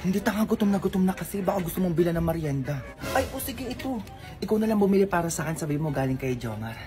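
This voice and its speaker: A person acting out a comic family sketch, switching quickly between several characters. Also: lowish voice, expressive, music in the background. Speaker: comedy sketch creator playing all parts.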